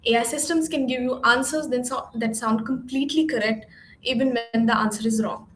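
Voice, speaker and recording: A woman's voice: on the high side, brisk, reverberant, soft background music, poor audio. A woman hosting an event, giving a scripted conference introduction in an upbeat announcer manner with occasional small fillers. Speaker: event host.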